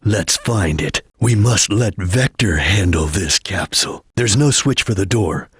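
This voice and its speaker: Espio the Chameleon, husky stoic ninja. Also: male voice, fairly low pitch, animated, unhurried, no room sound, clean studio sound, heavily acted. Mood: grave, watchful. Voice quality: husky, gravelly. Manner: terse, solemn, guarded delivery. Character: stoic, watchful ninja chameleon, grave and duty-bound. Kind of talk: scripted video game voice lines.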